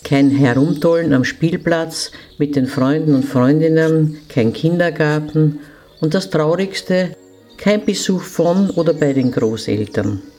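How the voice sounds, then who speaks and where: A woman reading a fairy tale to children, in a gentle manner and speaking to them directly. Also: deep voice, unhurried, faint music behind.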